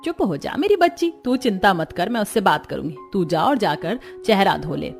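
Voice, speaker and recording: A woman's voice: medium pitch, very animated, normal speed, faint music behind. A woman voicing a kind, caring middle-aged mother-in-law who speaks soothingly but firmly. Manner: soothing, gently firm. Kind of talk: cartoon story voice acting.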